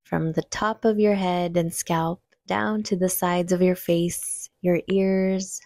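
With a lowish voice and level tone, a woman guides listeners through a meditation. She speaks gently and without hurry, pausing long between phrases. The audio is clean studio sound with no room sound.

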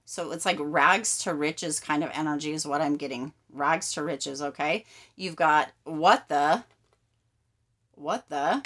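A woman with a slightly low voice gives an upbeat tarot reading straight to her viewers. She talks emphatically, repeats her catchphrases and keeps checking in with "okay" and "right". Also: unhurried, fairly bright tone. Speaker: tarot card reader. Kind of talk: casual tarot reading to camera.

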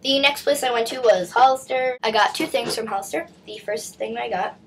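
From her small bedroom, a congested teen girl does a casual haul chat for her vlog, full of "likes" and restarts, speaking into a webcam at desk distance. Her voice is on the high side and a little fast, with a little hiss or hum in the audio.

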